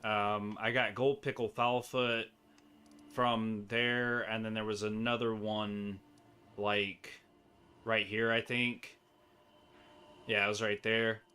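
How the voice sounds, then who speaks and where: A man's voice: on the low side, little pitch movement, slow, pauses often, bright, forceful tone, clear, resonant tone. A man giving rambling, joking commentary to himself while playing a game. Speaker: gameplay streamer. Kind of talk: casual gameplay commentary.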